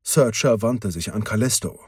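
A man reading a children's story aloud as narrator, in an expressive way. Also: on the low side, moderate pace, husky, no echo, studio quality.

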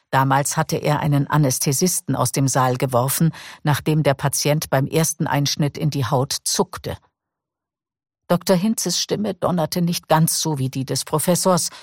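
A man reading a novel aloud in calm, measured audiobook narration. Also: medium pitch, vocal fry, no room sound, clean studio sound.

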